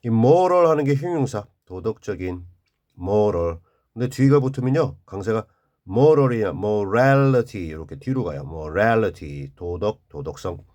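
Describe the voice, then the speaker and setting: A man's voice: lowish voice, expressive, dark tone. A man teaching an English vocabulary lesson, reading each word and then explaining its meaning and stress. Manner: slow and drawn out, explaining stress and word forms.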